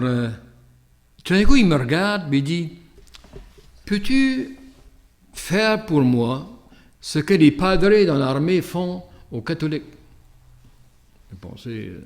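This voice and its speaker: Here a man with a mid-range voice and a Canadian French accent preaches as a priest. After a gospel reading, his sermon turns conversational, telling an anecdote in a reflective manner broken by hesitant asides.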